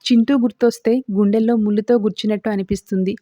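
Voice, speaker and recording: A woman's voice: medium pitch, steady tone, fast talker, mellow, no room sound, natural voice. A woman reading as a distraught young mother hiding a secret son. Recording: dull dry lo-fi recording.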